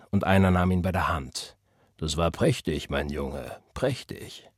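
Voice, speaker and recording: A man narrating an audiobook in a calm, measured, subdued reading. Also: fairly low pitch, breathy edge, no echo, studio quality. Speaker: audiobook reader. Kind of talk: scripted narration.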